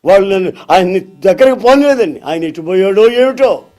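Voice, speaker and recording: A man's voice: high voice, lively intonation, normal speed, a little mellow, faint music behind. A man preacher voicing a humble, grieving village man, once blind, who pleads respectfully.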